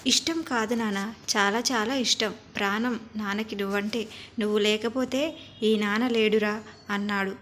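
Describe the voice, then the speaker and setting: A woman's voice: mid-range voice, fairly even intonation, normal speed, fairly bright tone, slight background noise. A woman narrating a family story and voicing its characters herself. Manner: reads all characters in a lightly shifted voice. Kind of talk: scripted narration of a family drama.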